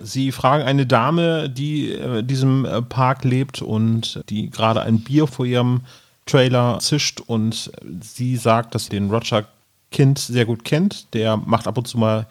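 A man's voice: medium pitch, steady tone, a little slow. A man explaining things precisely in a casual podcast discussion as a co-host.

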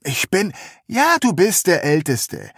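A man's voice: high-pitched, wildly swooping pitch, slow, husky, no room sound, studio quality, voice pushed up, heavily acted. A man reading aloud, voicing a defiant young man who answers back in a sulky, snappish way.

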